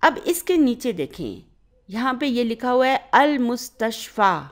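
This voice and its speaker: A woman's voice: on the high side, sing-song. A woman teaching Arabic grammar in Urdu. She explains step by step and often checks that the listener has followed. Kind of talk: grammar lesson.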